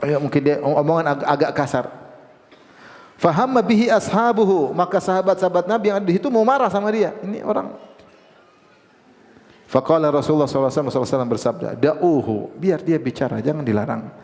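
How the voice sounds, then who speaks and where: A man's voice: fairly high pitch, quick pace, big-room sound. A man giving an Islamic lecture, telling stories and acting out the voices of the people in them. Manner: lively storytelling, acts out quoted voices. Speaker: preacher.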